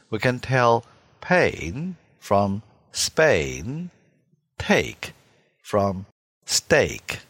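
A man's voice: on the low side, a bit bright. A man from China, a native Mandarin speaker, teaching English pronunciation in a spoken lesson and demonstrating sounds by repeating them with exaggeration. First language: Mandarin Chinese.

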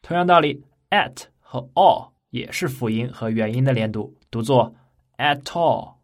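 In a recorded online lesson, a man teaches English pronunciation in a playful, casual style. His voice is medium-pitched and expressive, and he slows down to exaggerate his English examples.

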